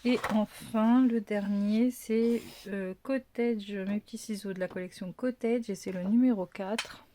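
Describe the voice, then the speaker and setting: A woman's voice: mid-range voice, steady tone, unhurried, warm tone, a little hiss or hum. A woman hosting a casual craft unboxing video, thinking aloud with lots of fillers and apologetic self-corrections.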